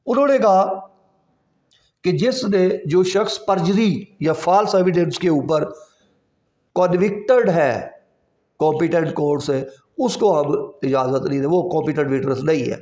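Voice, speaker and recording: A man with a Pakistani accent delivers an explanatory law lecture for exam prep in a didactic style, repeating points and asking rhetorical questions. He switches between Urdu and slow English for quotations, in a voice that sits on the high side with a darkish tone. The room is echoey and reverberant.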